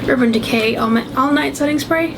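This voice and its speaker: A young beauty vlogger from the American South talks fast in a high voice while doing her makeup, sounding sniffly and congested. She rambles and second-guesses herself, full of fillers, during a chatty get-ready-with-me tutorial at her home makeup table, in a noisy recording with loud music behind her.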